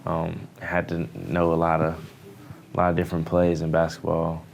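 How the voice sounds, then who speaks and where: This young athlete, a newly drafted baseball pitcher in his early twenties from the Houston area, United States, has a low-pitched, monotone voice with vocal fry at a normal speed. He speaks with an American accent, and his casual, somewhat hesitant interview answers are full of fillers, heard over a noisy background.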